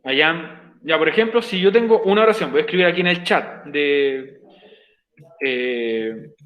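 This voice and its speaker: High-voiced man teaching in an echoey room. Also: lively intonation, measured pace, muffled recording. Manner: patient, repeats structures step by step. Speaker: English teacher. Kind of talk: online class explanation. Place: home, online class.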